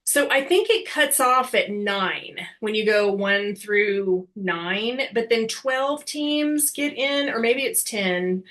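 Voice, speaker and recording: A woman's voice: medium pitch, expressive, slow, few pauses, a bit bright. A woman co-hosting a casual football podcast, chatty and hedging, often laughing as she talks. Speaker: podcast co-host.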